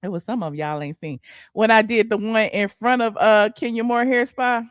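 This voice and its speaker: A woman's voice: on the high side, normal speed, no room sound, studio quality. A woman with an Atlanta accent hosting a casual live stream, sassy and chatty, full of fillers and asides. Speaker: host.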